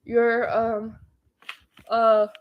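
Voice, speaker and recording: A woman's voice: fairly high pitch, completely flat delivery, extremely slow, muffled recording. A woman livestreaming casually, rambling and stumbling over words as she reads homework aloud. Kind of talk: casual livestream chat while doing homework.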